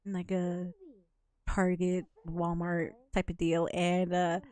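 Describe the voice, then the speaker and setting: A woman's voice: lowish voice, completely flat delivery, slow pace, darkish tone, smooth. A woman streaming a game from home, rambling casually and laughing often between thoughts. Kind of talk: casual gameplay commentary. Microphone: desk microphone with headphones.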